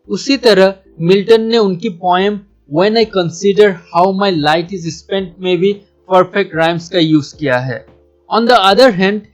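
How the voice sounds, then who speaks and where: A young man, host of his own channel, explaining poetry in a steady, methodical lesson that mixes English terms into Hindi. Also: high voice. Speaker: literature teacher, channel host.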